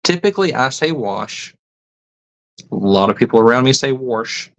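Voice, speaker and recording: A man's voice: medium pitch, very animated, very fast, clear, resonant tone, dull audio. A man hosting a casual livestream, reading viewer comments and musing aloud, often stopping to rethink his words. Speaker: livestream host.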